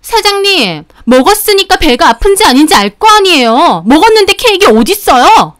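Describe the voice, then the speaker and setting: A woman voicing a furious, entitled young woman customer who shrieks sharp accusations down the phone. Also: very high voice, very animated, moderate pace, pitched above the performer's own voice, exaggerated voice. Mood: shrill, furious.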